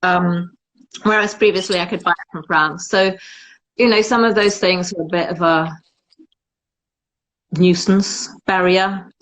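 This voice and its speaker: A woman's voice: lowish voice, fairly even intonation, unhurried, long pauses, a bit bright, a little hiss or hum, rough recording. A woman, a perfumer chatting as an interview guest in a self-mocking, jokey way. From Britain. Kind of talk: casual interview chat.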